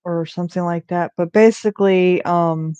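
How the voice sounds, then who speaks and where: A woman's voice: on the low side, steady tone, normal speed, mellow, smooth, no room sound. A young woman in casual, rambling chat, full of ums and restarts, with the odd curse thrown in. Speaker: vlogger.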